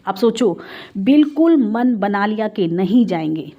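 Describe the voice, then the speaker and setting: A woman shares her spiritual testimony with a congregation in an animated, unhurried, mid-range voice, speaking from the heart and often directly to those listening. She switches between Hindi and English conversationally, and the audio is dull.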